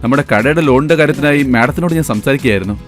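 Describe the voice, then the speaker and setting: A man's voice: mid-range voice, racing, soft background music, close to an everyday voice. A man dubbing a young shop owner who soothes his girlfriend, in film dialogue. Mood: coaxing. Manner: coaxing, soothing. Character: young male shop owner and lover, eager to please. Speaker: dub actor.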